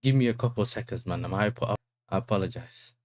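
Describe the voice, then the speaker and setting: A man's voice: fairly low pitch, fast, darkish tone. London roadman-style man chatting on stream. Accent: London, urban street style. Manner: slangy roadman delivery, repeated tag questions. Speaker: football livestream host. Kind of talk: casual livestream chat.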